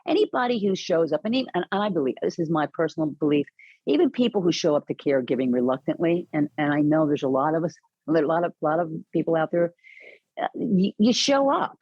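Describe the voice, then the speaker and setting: Woman, husky breathy voice, earnest storytelling, dry slightly dull recording. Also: deep voice, dry recording. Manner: earnest, animated, many restarts and "you know". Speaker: podcast guest, caregiving advocate. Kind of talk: conversational interview storytelling.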